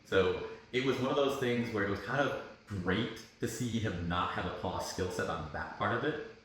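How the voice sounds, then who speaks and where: Podcast guy chatting, gets excited and laughs a lot, low-ish voice. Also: moderate pace, crowd noise. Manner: animated, laughs often, jumps up in pitch when excited. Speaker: podcast co-host. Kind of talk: casual podcast chat. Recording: echoey room with faint noise.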